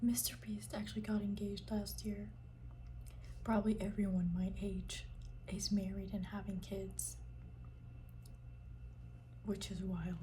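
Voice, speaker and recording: A young woman in her late twenties chats casually in an intimate, breathy ASMR whisper, close to the ear in a rambling, informal way. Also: medium pitch, flat delivery, unhurried, long pauses, warm tone, slight background noise, poor audio. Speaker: ASMR content creator.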